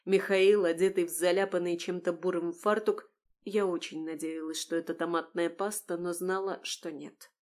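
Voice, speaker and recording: A woman reading a first-person audiobook in a wry, expressive storytelling manner. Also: on the low side. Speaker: audiobook narrator.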